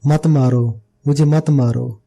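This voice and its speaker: A man's voice: mid-range voice, fairly even intonation, slow, vocal fry, warm tone. A man voicing a scared little village boy who answers timidly, in an audiobook. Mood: frightened. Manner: timid, fearful pleading.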